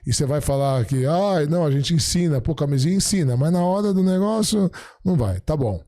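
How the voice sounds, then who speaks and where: A middle-aged man sits as a podcast guest and tells family stories in a relaxed way. His voice sits a little high but sounds soft and mellow. He acts out the lines of the people in his stories with lively shifts. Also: a little fast. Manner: animated, acts out quoted dialogue. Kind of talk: casual storytelling chat.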